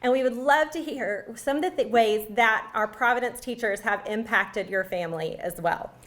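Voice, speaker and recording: A woman's voice: on the high side, normal speed, fairly bright tone. A middle-aged woman co-hosting a live charity fundraiser, speaking to the viewers.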